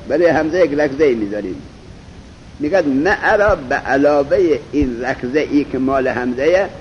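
Male teacher, slightly high voice, seminary-style class lesson, keeps firing questions at students, drags out example words; muffled lo-fi tape with faint hiss. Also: a little mellow. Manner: quizzes students, drawls example words slowly. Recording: dull lo-fi recording with faint noise.

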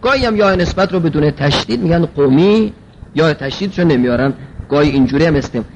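A man's voice: fairly high pitch, animated, highs cut off, a little hiss or hum. A man teaching a seminary-style logic class. He reads Arabic phrases aloud, then explains them in everyday speech, asking rhetorical questions and answering them himself.

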